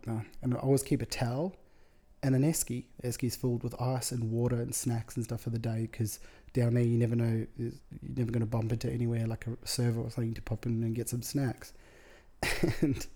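Man, gravelly, dark tone, rambling anecdote, quotes others. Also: medium pitch. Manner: rambling, amused, with quoted dialogue and self-interruptions. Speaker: podcast host, wedding photographer. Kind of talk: casual storytelling.

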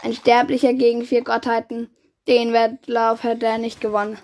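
A woman's voice: fairly high pitch, flat delivery, normal speed, a little mellow. A woman reading a children's book aloud, giving the characters' quoted lines their own voices. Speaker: reader.

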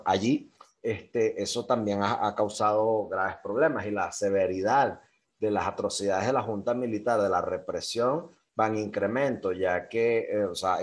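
A man explaining world news in a loose, chatty way, with many fillers and restarts. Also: lowish voice. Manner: loose and conversational, many fillers and self-corrections, frequent "¿ok?". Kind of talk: casual explainer talk.

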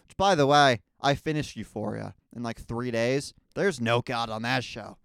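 Young dude doing a solo podcast, crude rambling bits, deadpan, crisp voice. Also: male voice, medium pitch, normal speed, no echo, studio quality. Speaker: podcast host. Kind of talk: casual comedic monologue.

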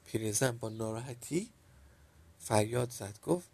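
A man narrating a children's storybook tale in a calm, measured reading. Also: medium pitch, gravelly, husky.

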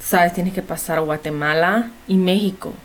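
Speaking at a normal speed in a fairly low voice, an anonymous young Honduran woman is interviewed about personal matters. She comes across as earnest, frequently starting her sentences over.

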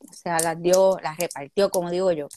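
A woman from Puerto Rico in her thirties with a Puerto Rican accent, a guest telling her life story in a casual interview, speaking softly and candidly with some hesitation. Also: fairly low pitch, steady tone, moderate pace, slight background noise. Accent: Puerto Rican Spanish.

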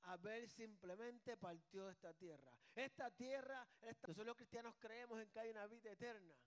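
High-voiced man preaching a sermon. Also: moderate pace. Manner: conversational and joking, swings between soft asides and loud emphatic bursts. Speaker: pastor.

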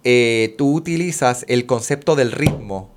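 A man talks casually as a guest on a show. He explains things with lots of examples and a lively, slangy delivery, and his voice sits at an ordinary middle pitch. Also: measured pace, over music. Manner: animated, explains with examples, Caribbean Spanish slang. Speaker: guest, music therapist. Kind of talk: casual conversation.

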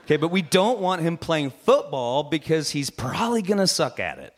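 A man's voice: on the high side, wildly swooping pitch, moderate pace, a little hiss or hum. A man who works as a comic reporter, delivering a rambling comedic rant on live radio that is full of "like" and "you know.".

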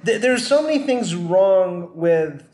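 A man co-hosts a podcast, chatting casually and wryly about plot holes in movies. His voice is high-pitched, animated and darkish in tone, at a slow pace, with a roomy echo.

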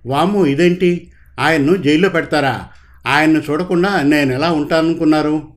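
A man's voice: a little high, normal speed, close to an everyday voice. A man voicing an emotional, devoted wife who pleads on her husband's behalf. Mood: pleading. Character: emotional devoted wife, quarrelsome but loving.

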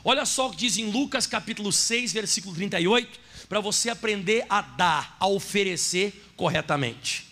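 A man's voice: high-pitched, expressive, normal speed, gravelly, sharp tone. A man preaching a sermon as pastor, telling a story and speaking directly to his congregation.

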